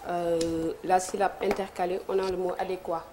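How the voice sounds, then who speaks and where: A woman's voice: on the low side, flat delivery, moderate pace, noisy background. A woman with a Senegalese French accent answering as a quiz contestant, hesitant, with fillers. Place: TV studio.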